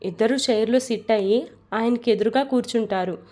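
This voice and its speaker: A woman narrating a romance storybook in a plain, steady reading voice. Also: a little high, a little fast.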